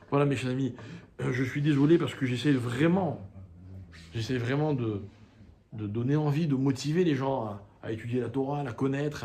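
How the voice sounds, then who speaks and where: Animated rabbi teaching a Torah class. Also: male voice, a little high. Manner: animated teaching, with rhetorical questions and calls to the class; quotes Hebrew and Aramaic texts, then translates them. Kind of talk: lecture to a live class.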